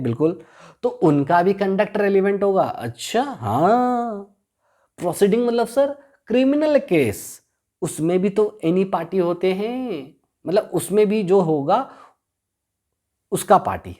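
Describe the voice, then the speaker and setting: A man's voice: on the high side, darkish tone. Guy teaching law class, keeps asking "got it?" and answering himself, repeats stuff a lot. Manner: constantly quizzes the listener and answers himself; repetitive, drills key terms. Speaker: law lecturer. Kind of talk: classroom lecture explaining law.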